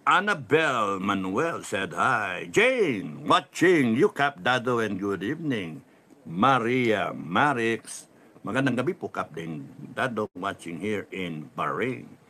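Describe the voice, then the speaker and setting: A middle-aged Filipino man hosting a casual livestream, reading viewer comments, laughing often and dropping to a low mutter after his jokes. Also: sing-song, slow pace, sharp tone. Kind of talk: casual livestream talk, mixing Tagalog and English.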